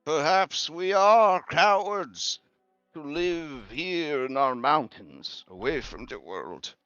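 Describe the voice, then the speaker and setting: A man voicing a solemn female mountain seer in a tabletop game, with a drawn-out, portentous manner. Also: on the high side, animated, sharp tone, clean tone, no room sound, dull audio, faint music behind, pitched above the performer's own voice, heavily acted. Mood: grave, persuasive.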